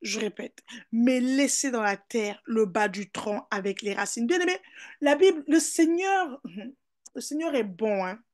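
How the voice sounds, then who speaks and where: A woman pastor giving a fervent sermon, repeating calls of hallelujah and beloved, swinging between emphatic peaks and soft asides. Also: fairly high pitch, animated, unhurried. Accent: French.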